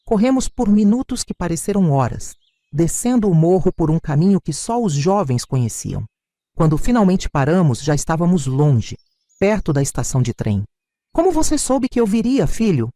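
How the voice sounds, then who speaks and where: A man reads a scripted first-person story with dramatic expression. His voice is mellow and fairly high, and it rises and falls a lot. It is recorded close and dry. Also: animated, normal speed, no room sound. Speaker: narrator.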